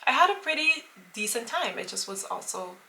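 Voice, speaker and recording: A young woman in her late twenties chats to her camera in a loose, rambling way, circling back and correcting herself often. Her voice is bright and forward, and her tone is casual vlog talk. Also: fairly high pitch, big pitch swings, a little fast, gravelly, a little hiss or hum, poor audio. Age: late 20s. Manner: chatty and rambling, many fillers and restarts. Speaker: vlogger.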